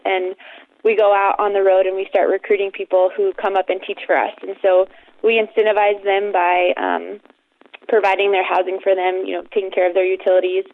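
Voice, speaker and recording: A young woman from Colorado calling in as a guest to talk about her charity, earnest and steady with frequent "um"s. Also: medium pitch, dry recording. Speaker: phone-in guest, head of a charity. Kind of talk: phone interview. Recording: tinny phone line.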